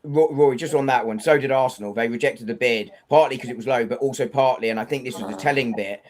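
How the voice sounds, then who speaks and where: A man's voice: medium pitch, quick pace. A man on an online football panel, making articulate, analytical points. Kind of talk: casual football chat.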